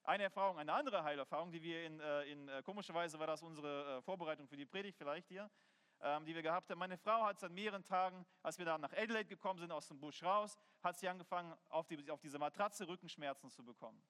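A man's voice: a little high, quick pace, bright, forceful tone, clean tone. A man preaching a sermon in an earnest, conversational way, telling personal stories. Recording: long hall reverb.

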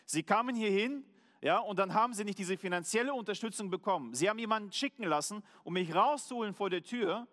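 High-voiced German pastor in a reverberant hall. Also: male voice, fairly bright tone. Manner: earnest, slows down to stress key words. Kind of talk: sermon.

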